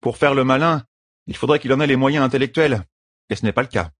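Man voicing a woman bodyguard, storybook, blunt, mocking, husky, dry. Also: mid-range voice, fast, fairly bright tone, no room sound, voice pushed up, lightly acted.

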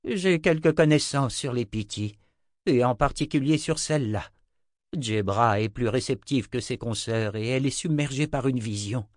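Guy doing a cranky old wizard, gruff and high, dry audiobook sound. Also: normal speed, no echo, natural voice. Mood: explaining. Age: older. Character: old male wizard, fiery and stubborn.

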